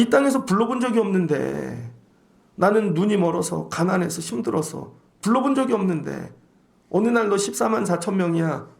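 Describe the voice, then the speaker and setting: Male pastor, high and gravelly, animated sermon delivery. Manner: animated preaching, acting out voices of others.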